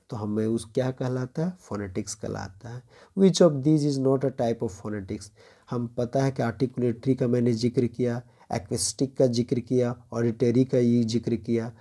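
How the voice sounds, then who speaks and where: A man from India teaching an exam-prep phonetics lesson, explaining step by step, reading English lines slowly with an Indian accent and checking in by asking "clear?". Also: mid-range voice, warm tone.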